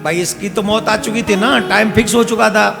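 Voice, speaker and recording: Male preacher, story sermon, animated, quizzes the crowd; high voice, faint music in the background. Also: brisk, gravelly. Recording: reverberant hall with faint music.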